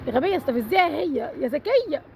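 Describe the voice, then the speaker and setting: A woman's voice: high-pitched, big pitch swings, fast talker, vocal fry, warm tone, slight background noise. A woman with an Egyptian accent running a family party game, teasing and bossing the players playfully. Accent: Egyptian Arabic. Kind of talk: casual family chat.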